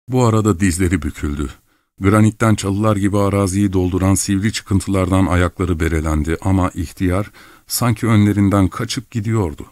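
A man narrating a story in a measured storytelling manner. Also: deep voice, darkish tone, no echo, clean studio sound. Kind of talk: scripted narration.

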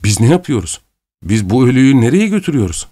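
A man's voice: mid-range voice, very animated, fast, dark tone, breathy edge, no echo, studio quality, voice pushed up. Man doing a timid, frightened young peasant. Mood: pleading. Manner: trembling, pleading.

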